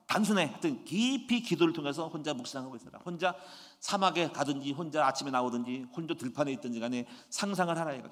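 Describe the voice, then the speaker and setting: Lively-voiced pastor in his sixties preaching. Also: fairly high pitch. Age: 60s. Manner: animated preaching with rhetorical questions. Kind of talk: sermon. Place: church sanctuary. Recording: echoey church hall reverb.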